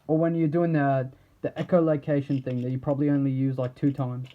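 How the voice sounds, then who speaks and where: Unscripted and loose, a man presents action figures for review, stumbling along and letting thoughts drift off unfinished. His pitch is medium with little movement, and the sound is phone quality.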